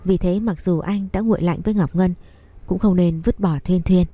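A woman narrating a story in a steady, even reading voice. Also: lowish voice, moderate pace, dry recording, soft background music.

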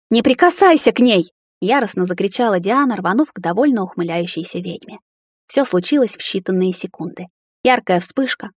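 A woman's voice: mid-range voice, darkish tone, dry recording, studio quality. A woman reading a first-person fantasy story aloud, with a dramatic, emotional delivery. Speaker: audiobook narrator. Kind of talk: first-person audiobook narration.

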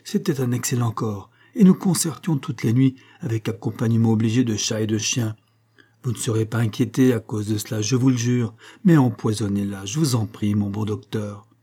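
A man voicing an aging male chapel master, excitable and theatrical, swinging between pleading and outrage. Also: fairly low pitch, normal speed, husky. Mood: frantic. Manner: anguished, pleading outbursts.

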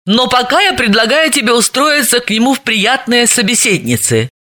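Here is a stern, exasperated woman investigator, read by a woman narrator, firm and scolding in tone. Her voice sits high and bright, with a crisp, sharp edge. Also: animated, moderate pace. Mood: businesslike. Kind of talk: audiobook character voice.

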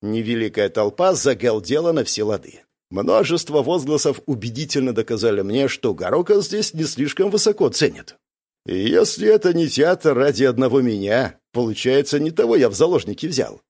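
Expressive male audiobook narrator. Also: mid-range voice, normal speed. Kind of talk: first-person audiobook narration.

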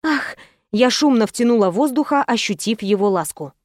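A woman reading a first-person romance audiobook aloud in a soft, intimate, expressive way. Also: fairly high pitch, normal speed, no echo, studio quality. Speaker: audiobook reader.

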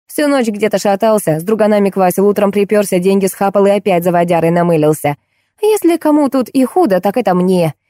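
A woman reading an audiobook, voicing a shrill, scolding middle-aged wife fed up with her drunk husband. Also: animated, fairly quick, warm tone, no room sound, clean studio sound, lightly acted. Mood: complaining.

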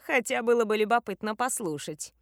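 A woman's voice: on the high side, lively intonation, no echo, clean studio sound. Woman as a sneering young thief. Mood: mocking. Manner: mocking, slow and deliberate when threatening. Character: sneering young female thief, cool and mocking. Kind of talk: audiobook character voice.

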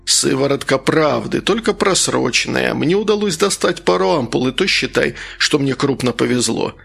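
A man voicing a crude, cynical little man who speaks in a slow, mocking, unhurried way. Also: medium pitch, animated, creaky, fairly bright tone, slightly rough, full character voice. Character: crude, cynical small man with back pain.

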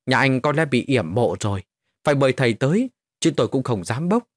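A man's voice: medium pitch, big pitch swings, a little fast, no echo, clean studio sound. A man voicing a cautious older male grave digger in an audio storybook, speaking sternly.

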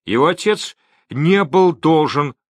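A man's voice: on the high side, animated, moderate pace, bright, forceful tone, dry recording, clean studio sound, pitched above the performer's own voice. A man reading an audiobook voices a sly, fawning old merchant who wheedles and pleads. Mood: wheedling.

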